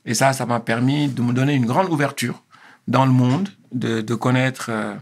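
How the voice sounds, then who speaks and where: A man, speaking as an interview guest in a measured, hesitant way with many pauses and restarts. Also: medium pitch, steady tone. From Senegal. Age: 50s. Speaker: interview guest, engineer and consultant. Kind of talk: casual interview.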